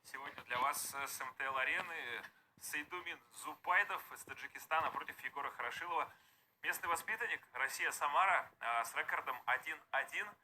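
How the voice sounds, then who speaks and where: High-voiced male fight commentator, noisy broadcast. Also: a little fast, sharp tone. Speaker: MMA commentator and broadcast host. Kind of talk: live sports commentary with analysis. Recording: noisy live arena broadcast.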